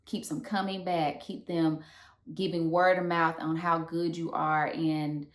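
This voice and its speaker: A woman's voice: low voice, little pitch movement, a little slow. A woman co-hosting a business podcast, chatty and upbeat, talking casually with her co-host. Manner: upbeat, chatty, uses y'all. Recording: roomy echo.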